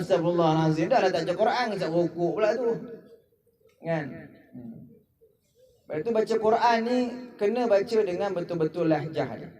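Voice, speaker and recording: A Malaysian man giving a humorous Ramadan lecture in a mosque, telling stories and mimicking characters. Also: high-pitched. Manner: jokey storytelling, mimics characters. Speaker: preacher.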